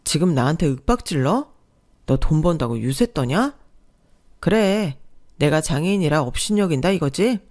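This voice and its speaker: A woman's voice: deep voice, animated, moderate pace, darkish tone. A woman voicing a sulky, self-pitying husband who talks in a defensive, whiny way.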